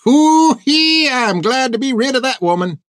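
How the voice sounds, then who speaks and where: A croaking filthy old hermit. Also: male voice, extremely high pitch, lively intonation, unhurried, fairly bright tone, no echo, studio quality, pitched above the performer's own voice, heavily acted. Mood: rowdy. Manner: whooping, rustic dialect. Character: filthy cackling old male beach hermit.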